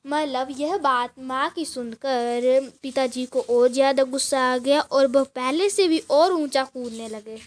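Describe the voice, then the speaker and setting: Slow, high-voiced woman teacher. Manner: reads a passage aloud, then explains each line in simple words; frequent restarts and filler sounds. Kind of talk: explaining a textbook lesson.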